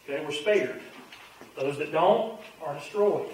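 A man teaching a Bible class as pastor, talking quickly and casually and often doubling back on his words. His voice sits a little high and sounds distant from the microphone. A strong echo fills the big room around him. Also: a little hiss or hum. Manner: fast-talking, conversational, repeats his starts. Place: church sanctuary. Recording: very echoey room, voice from far off.

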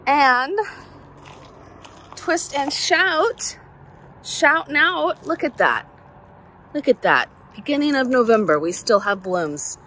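A woman's voice: high-pitched, lively intonation, slow, pauses often, sharp tone, a little hiss or hum. A woman, chatting casually and upbeat as she walks through her garden, speaking into a phone held at arm's length outdoors. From southern Alabama, USA. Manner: chatty, upbeat, folksy asides. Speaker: garden vlogger. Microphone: phone camera held at arm's length. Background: faint outdoor ambience, passing helicopters.

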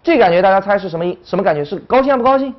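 Lively woman teaching an online English class. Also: mid-range voice, rapid-fire, muffled recording. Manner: animated, demonstrating tones by voice.

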